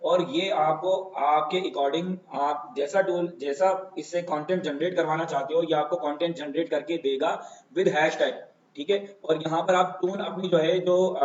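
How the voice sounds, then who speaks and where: In a casual screen-share tutorial on social media marketing, a man talks conversationally and keeps checking in with listeners, saying "theek hai" again and again. His voice is fairly high and a little mellow. The home recording sounds roomy, dull, and lo-fi.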